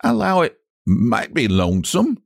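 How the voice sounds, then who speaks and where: A man voicing a gruff, sulky mountaineer husband who speaks in a martyred drawl in a storybook reading. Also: medium pitch, wildly swooping pitch, moderate pace, no room sound, clean studio sound, voice pushed up, exaggerated voice.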